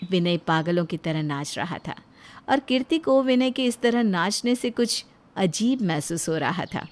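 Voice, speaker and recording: A woman narrating a moral story in a steady, plain storytelling manner. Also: on the low side, unhurried.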